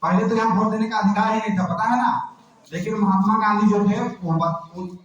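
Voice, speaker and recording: Man w quizzing the crowd, high voice, mic far off, huge echo. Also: steady tone, a little fast, dull audio. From Jharkhand, India. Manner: keeps firing rhetorical questions at listeners. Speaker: activist speaker. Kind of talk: public address to a gathering. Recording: very echoey room, distant mic, faint noise.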